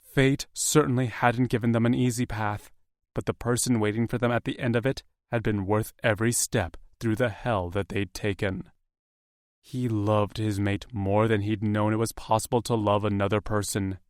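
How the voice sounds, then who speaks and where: A man reading a romance novel aloud in calm, even storytelling narration. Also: on the low side, normal speed, clear, resonant tone, dry recording, clean studio sound. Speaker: audiobook narrator.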